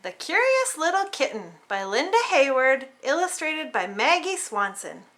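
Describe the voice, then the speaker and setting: A woman reads a children's storybook with theatrical flair at a moderate pace. Her high, bright voice swings widely in pitch as she tells it in an animated, dramatic way meant for very young listeners.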